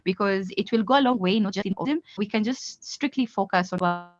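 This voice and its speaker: A woman moderating an online panel, her video call audio breaking up and dropping out as she talks in a halting, apologetic way. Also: mid-range voice, no echo. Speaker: webinar moderator. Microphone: laptop or phone on video call. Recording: muffled video call line.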